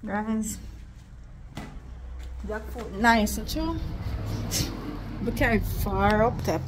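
Filming herself on a phone held at arm's length, a young woman vlogs outdoors under a tin-roofed shed in a yard for her cooking channel. Her mid-range voice has a darkish tone, with a little hiss or hum in the audio. She chats casually and talks straight to her viewers while eating.

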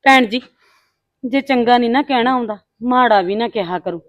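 A woman playing an older family woman who tries to calm the mother-in-law and defend the daughter-in-law. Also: fairly high pitch, no echo, highs cut off, natural voice. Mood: placating. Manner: quick, placating. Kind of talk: amateur short-film acting.

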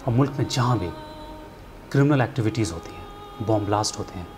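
Speaking quickly in a lowish voice, this middle-aged man, a filmmaker and storyteller, presents a scripted commentary to camera from an indoor studio set. His address is earnest and persuasive and leans on rhetorical questions. Music runs beneath the recording.

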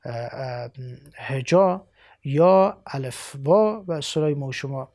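A man with an Afghan Dari accent giving a televised Quran lesson, spelling letters out slowly and pausing often. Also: fairly high pitch, animated, darkish tone, no room sound, clean studio sound. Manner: deliberate, spells out letters slowly, many hesitations. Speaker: Quran teacher.

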